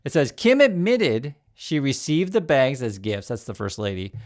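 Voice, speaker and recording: A man's voice: mid-range voice, very animated, moderate pace. A man in his fifties from Vietnam, raised in the USA, talking casually about the news, reading articles aloud and adding his own remarks with many fillers and restarts. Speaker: news commentator. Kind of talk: casual news commentary vlog.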